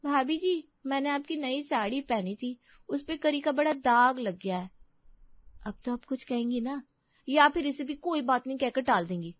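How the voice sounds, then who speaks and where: A woman's voice: high-pitched, normal speed, dry recording, muffled recording, lightly acted. A woman voicing Sunita, a young sulky sister-in-law who whines and demands attention, in a cartoon story. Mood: pleading. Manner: whiny, demanding. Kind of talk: cartoon voice acting.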